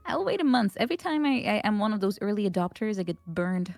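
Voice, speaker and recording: Woman host, casual chat stream, giggly, mid pitch, dry sound. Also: big pitch swings, quick pace, vocal fry, darkish tone, no echo, faint music behind. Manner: giggly, with many laughs and restarts.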